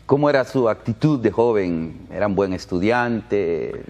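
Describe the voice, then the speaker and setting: A man's voice: lowish voice, animated, a little slow, darkish tone. Male TV interviewer. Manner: polite, brief questions. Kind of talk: television interview questions.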